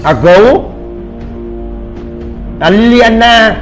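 A man's voice: very high voice, very slow, soft background music. A man giving brash live commentary on a game he is playing, swearing and trash-talking his teammates. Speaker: gaming streamer.

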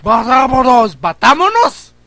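A man's voice: very high voice, slow pace, slight background noise. A young man commentating his gameplay, yelping and exclaiming at every turn. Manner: excitable, yelps and shouts at the game. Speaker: gamer. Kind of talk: let's play commentary.

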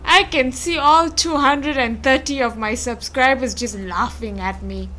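A woman's voice: sits high, fairly even intonation, unhurried, pushed and bright, slight background noise. A woman commenting on her own video game play, rambling and mocking herself, muttering and exclaiming as she goes. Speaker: gamer streaming gameplay. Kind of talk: self-deprecating gameplay commentary. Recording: game music playing behind.

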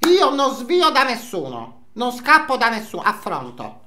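A man's voice: very high-pitched, wildly swooping pitch, measured pace, bright, forceful tone, a little hiss or hum, exaggerated voice. An older man playing a nosy, indignant Sicilian housewife in a comic monologue, scolding and repeating himself in Sicilian dialect. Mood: resigned, chatty. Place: small indoor room, seated facing camera.

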